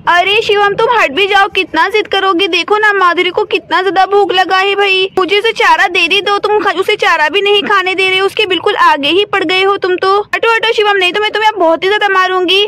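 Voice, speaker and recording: A woman's voice: very high-pitched, steady tone, brisk, hardly any pauses, pushed and bright, no echo. A woman voicing a busy village mother in a doll story who scolds her son. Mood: scolding. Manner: bossy, scolding.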